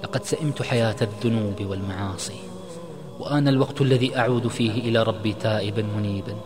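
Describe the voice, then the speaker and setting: A calm, resolved young man, as a male narrator plays him, speaking gently and steadily without raising his voice. A long reverb trails behind every line. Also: fairly low pitch, quick pace, music in the background, lightly acted.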